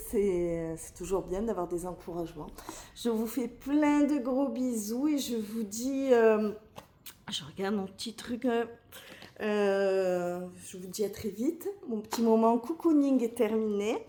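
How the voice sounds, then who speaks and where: A middle-aged woman chatting casually to her viewers as she unboxes, with a gentle manner and many fillers. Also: medium pitch, echoey room, slight background noise. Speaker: vlogger.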